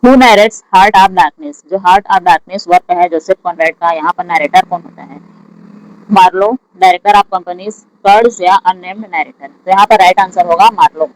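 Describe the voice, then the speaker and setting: An exam prep teacher who reads each English question aloud slowly and then explains the answer in Hindi. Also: mid-range voice, dry recording, poor audio. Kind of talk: lecture solving exam questions.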